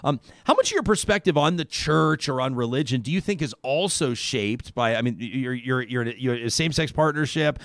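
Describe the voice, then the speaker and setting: Hosting a live radio talk show, a man in his forties speaks earnestly and reflectively into a studio microphone, wearing headphones, with some stammered restarts. His medium-pitched voice runs a little fast with hardly any pauses, and there is no room sound.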